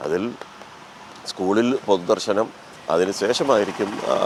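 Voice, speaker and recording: Male field reporter, very low voice, halting live delivery, faint street traffic behind. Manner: measured, with frequent filler pauses.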